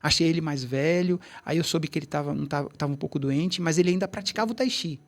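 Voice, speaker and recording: This middle-aged man from Bahia, Brazil, is a tai chi teacher with a slightly high voice and quick pace. In a casual interview he tells long, rambling stories full of restarts and asides.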